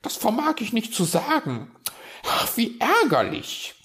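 A shrill, nosy magpie lady. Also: huge pitch swings, unhurried, a bit bright, full character voice. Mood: indignant. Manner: shrill, flustered, indignant chatter. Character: fussy, nosy female magpie. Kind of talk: children's audio story.

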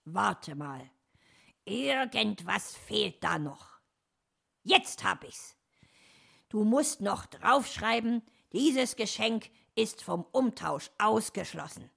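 A woman's voice: medium pitch, lively intonation, slow, creaky, a bit bright, pitched above the performer's own voice, exaggerated voice. A woman voicing a sly male fox in a storybook, scheming and pleased with his own plans.

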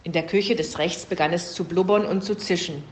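A woman's voice: fairly low pitch, a little fast, a little mellow, a little hiss or hum. A woman reading a fable aloud as storybook narration. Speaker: reader. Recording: roomy echo.

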